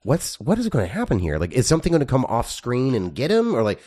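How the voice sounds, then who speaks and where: A man's voice: medium pitch, huge pitch swings, quick pace, a little mellow. A man co-hosting a casual movie podcast, thinking aloud in a hesitant way with many restarts. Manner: thoughtful, hesitant, restarts often. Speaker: podcast co-host, film reviewer. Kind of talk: casual chat.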